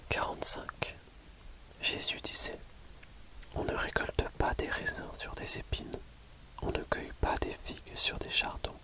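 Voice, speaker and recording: ASMR audiobook reader: library whisper throughout, very slow, measured phrasing. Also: sharp tone. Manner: measured, pausing between short phrases.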